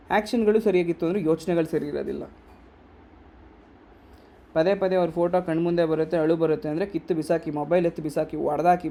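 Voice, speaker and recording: A man's voice: on the high side, dark tone. A young man with a Kannada accent giving a motivational workshop talk, scolding the audience with rhetorical questions. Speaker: workshop speaker.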